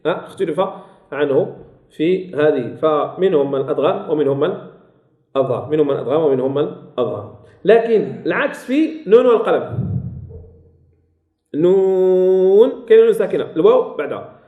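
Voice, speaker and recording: A man with a Moroccan accent leads a classroom lesson on recitation rules, his voice pitched high for a man. He says key terms twice and keeps asking his listeners for answers. The room is echoey and roomy. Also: lively intonation, moderate pace, long pauses, narrow, tinny audio. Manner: repeats key phrases and quizzes listeners. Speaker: Quran recitation teacher.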